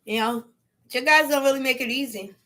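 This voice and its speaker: A woman's voice: high voice, a little fast, bright, forceful tone. A woman talking casually on a livestream at home, chewing as she eats, with a slangy, playful, opinionated manner. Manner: chewing while talking, eating. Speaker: solo livestream vlogger. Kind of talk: casual chatty livestream monologue.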